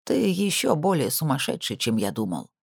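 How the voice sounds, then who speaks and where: A man's voice: medium pitch, huge pitch swings, normal speed, vocal fry, husky, no echo, heavily acted. A smug, wealthy middle-aged man who left crime behind brushes off every question with mockery, as a male narrator plays him in an audiobook. The sound is dry and close. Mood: dismissive.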